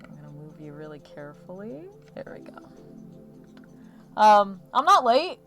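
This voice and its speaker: Over lo-fi music, a woman chats casually while hosting an art livestream, her medium-pitched voice swinging widely in pitch at a normal speed. A missing molar gives her a slight lisp. Her talk is rambling and self-interrupting.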